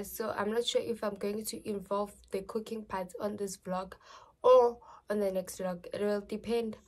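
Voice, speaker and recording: A young woman from South Africa with a South African accent, chatting casually to camera in her bedroom and switching between English and Zulu. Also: mid-range voice. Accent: South African, mixing in Zulu. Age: young adult. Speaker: vlogger. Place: small bedroom.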